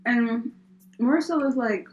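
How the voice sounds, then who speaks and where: A young woman from the US co-hosts a casual podcast, her slightly high voice rambling through fillers and breaking into frequent laughter. Faint music plays softly underneath. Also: takes it slowly, muffled recording. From United States. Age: young adult. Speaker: podcast co-host. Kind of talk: casual chat.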